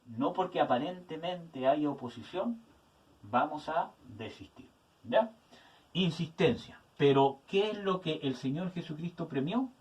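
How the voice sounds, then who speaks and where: A man's voice: a little high, lively intonation, a little slow, darkish tone. A man teaching a Bible study to young people, often checking in with his listeners and searching aloud for words as he goes. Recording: voice from some distance to the mic.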